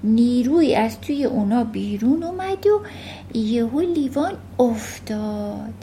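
A woman's voice: on the high side, expressive, mellow, slight background noise. A woman voicing an earnest little schoolgirl with strange powers, telling things plainly.

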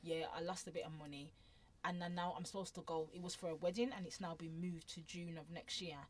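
A woman chatting quickly and animatedly as a podcast co-host, telling stories. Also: fairly low pitch, fairly even intonation, slight background noise. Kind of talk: casual chat.

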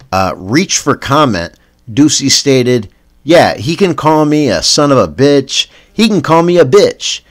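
A Canadian-accented man with a voice on the low side hosts a comedy news podcast, a spoof show. He reads the headlines deadpan, then wanders into rambling stoner asides that fade out with "man."

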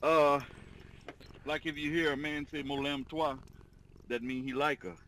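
A man's voice: a little high, fairly even intonation, moderate pace, noisy background. A man with a Louisiana Creole accent chatting casually and informally in local slang, as a co-host explaining expressions. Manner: slangy, informal, tells anecdotes. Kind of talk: casual chat.

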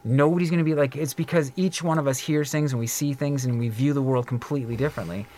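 A middle-aged man talks quickly and freely on a casual podcast. He fills his sentences with "like" and "um." He slips into quoted voices as he tells a story, at an average pitch for a man. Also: steady tone, a little mellow. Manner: frequent fillers like "like" and "um". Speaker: podcast host.

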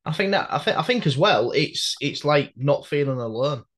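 A man's voice: a little high, animated, moderate pace, a bit bright, a little hiss or hum. A British man in casual conversation, talking in a hesitant, reflective way as he interviews a guest.

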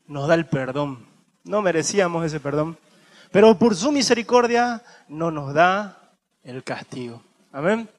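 High-voiced man preaching with animated swings. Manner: animated, acts out the thieves in slangy voices; reads scripture slowly and dropping low. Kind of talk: sermon.

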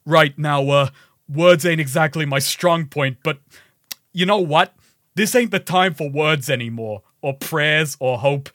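A man reading a gruff male rebel leader's rousing, profane speech in a put-on American accent. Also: a little high, measured pace, fairly bright tone, dry recording, clean studio sound. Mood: gritty, earnest.

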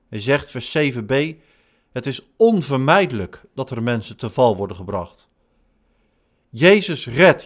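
A man preaching a sermon in slow, measured short phrases. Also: mid-range voice. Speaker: pastor.

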